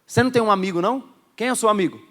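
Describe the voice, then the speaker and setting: A man preaching a sermon to a church congregation, swinging between loud emphatic bursts and quiet, close asides. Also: high-pitched, racing. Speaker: pastor. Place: church hall before a congregation.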